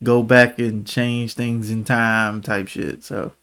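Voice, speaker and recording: A man's voice: mid-range voice, flat delivery, takes it slowly, a bit bright, smooth. A tired man co-hosting a casual podcast, profane, slangy and teasing, his speech slightly slurred by a grill in his teeth. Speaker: podcast co-host.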